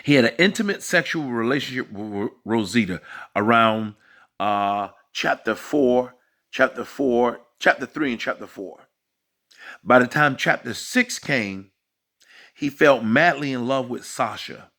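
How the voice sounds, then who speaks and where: A man's voice: mid-range voice, animated, unhurried, fairly bright tone. A man in his fifties, a coach, giving an emphatic, repetitive motivational talk to men. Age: 50s. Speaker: dating and life coach. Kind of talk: motivational monologue.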